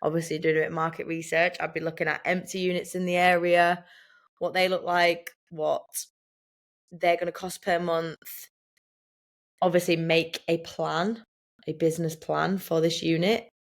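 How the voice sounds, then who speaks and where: A woman giving brisk, list-like business advice in a casual podcast Q&A. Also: on the low side, flat delivery. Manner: brisk, lays out points as a list.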